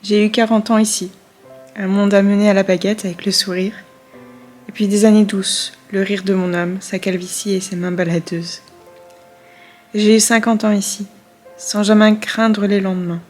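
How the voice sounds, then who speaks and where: A woman's voice: medium pitch, flat delivery, moderate pace, a little mellow, faint music behind, natural voice. A woman reading aloud in the voice of an elderly grandmother who looks back on her life with grief and tenderness. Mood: wistful.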